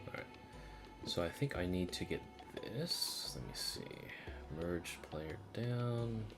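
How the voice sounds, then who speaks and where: Deep and expressive, this voice moves at a slow pace as a game streamer chats on a livestream over background music. Moments of gushing alternate with quiet murmurs to themself while working.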